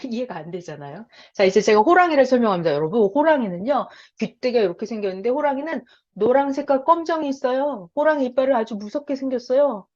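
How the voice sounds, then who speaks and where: A woman preaching and teaching an audience in an animated, explanatory way, laughing now and then as she gives examples. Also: on the high side, fast talker, few pauses. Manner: animated, gestures while explaining, frequent laughs. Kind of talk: sermon-style teaching. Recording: dull lo-fi sound.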